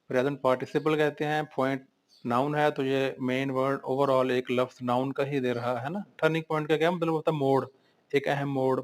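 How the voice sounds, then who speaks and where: A man teaching English vocabulary, voice sitting a little high for a man. He calls out each word, then lists its synonyms one after another with their meanings in Urdu.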